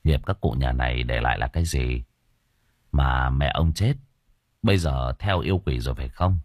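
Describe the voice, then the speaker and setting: A man voicing a stern young exorcist who questions a spirit slowly and coldly. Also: very deep voice, no room sound, studio quality, voice pushed down. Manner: slow, stern interrogation. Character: stern young male exorcist, cold and commanding.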